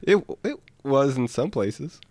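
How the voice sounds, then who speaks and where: A man's voice: mid-range voice, sing-song, takes it slowly, darkish tone, no room sound. A man co-hosting a casual movie review podcast, trading skeptical, joking remarks. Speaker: podcast co-host.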